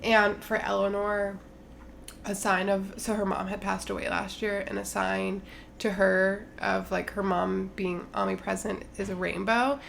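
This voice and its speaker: A young woman co-hosting a laid-back podcast, her voice edged with vocal fry. She chats loosely, peppering every thought with fillers. A faint low ambience sits under the recording. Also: flat delivery, unhurried, a bit bright, slight background noise. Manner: chatty, lots of fillers and "like". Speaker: podcast co-host. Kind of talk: casual chat.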